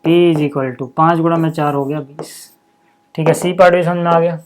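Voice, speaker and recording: A man's voice: fairly high pitch, fairly even intonation, normal speed, a little hiss or hum. A man teaching a school maths lesson in a casual, chatty way, checking in with the class after every step and calling viewers "yaar" and "bhai sahab".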